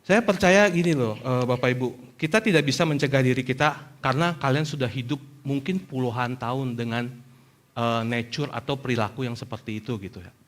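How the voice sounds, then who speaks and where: A middle-aged male pastor preaching a sermon in a lively way, slipping into English phrases and acting out what others say. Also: mid-range voice, fairly quick. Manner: animated, mixes in English phrases, acts out quoted speech. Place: church service.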